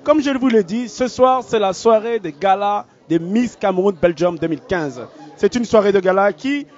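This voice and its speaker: At a crowded gala hall, a man interviews beauty pageant guests on the red carpet for a web channel, upbeat and formal, repeating announcements. His voice sits high with a darkish tone and lively intonation, at normal speed. The event audio is muffled and lo-fi.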